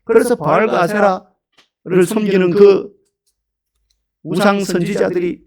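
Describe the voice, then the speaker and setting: Brief: male pastor, higher-pitched voice, animated emphatic sermon delivery. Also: a little slow. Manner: animated, emphatic preaching with rhetorical questions.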